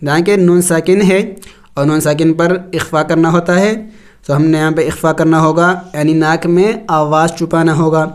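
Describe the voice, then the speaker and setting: Clear-voiced man teaching Quran recitation. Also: fairly high pitch, flat delivery. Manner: slow drawn-out recitation between plain explanations. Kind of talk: spelling out and reciting Arabic letter by letter, then explaining rules.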